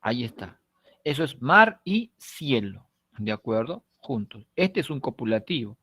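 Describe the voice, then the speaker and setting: A man with a Peruvian Spanish accent teaching a recorded online class, explaining step by step, slowing down on key words, trailing off softly at the ends of phrases and checking in with frequent tag questions. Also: medium pitch, big pitch swings, husky, dry recording.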